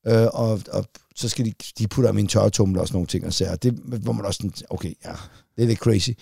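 Gravelly, self-mocking man in casual chat. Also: lowish voice, mellow, no room sound, studio quality. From Denmark. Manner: chatty, self-mocking, joking. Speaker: podcast co-host.

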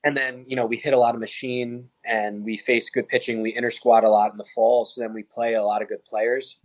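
In a casual interview on a podcast, a young college baseball player talks comfortably and tells stories. His medium-pitched voice is brisk with a level tone, captured in a rough recording.

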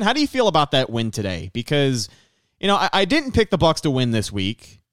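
A male podcast host recaps a game in a polished, presenter-like manner. His voice is clear and resonant at a middling pitch. He is recorded close and dry. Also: a bit bright, dry recording. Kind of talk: live post-game recap talk.

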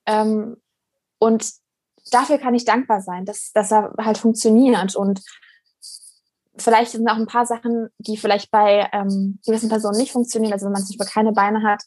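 A young woman speaking as a podcast guest, talking earnestly and reflectively, with frequent pauses and restarts. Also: mid-range voice, steady tone, darkish tone, no room sound. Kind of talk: casual interview conversation.

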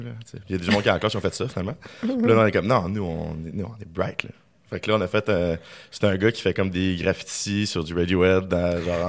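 Fast-talking Québécois man, very deep. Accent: Québécois French. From Quebec. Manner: rapid storytelling, acts out quoted lines. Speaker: guest, film director. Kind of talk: casual podcast conversation.

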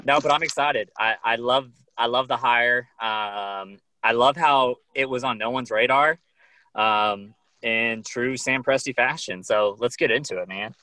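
A man chatting casually as a podcast co-host with deadpan joking. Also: mid-range voice, a little slow, no room sound, rough recording. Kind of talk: casual chat.

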